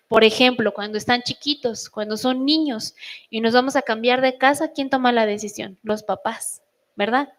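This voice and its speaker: A middle-aged woman with a Mexican Spanish accent delivers a sermon from the pulpit. Her voice sits a little high, and she tells stories lively, acting out family quarrels in quoted voices. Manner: animated storytelling with quoted voices. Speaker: preacher.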